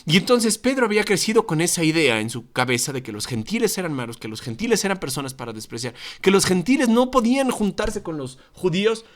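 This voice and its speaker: Mexican male Bible teacher, lively sermon delivery with swooping intonation, slightly high voice, acts out quotes, church mic. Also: fast talker, few pauses. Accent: Mexican Spanish. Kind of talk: Bible study lesson to a congregation. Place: church meeting room. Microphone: microphone.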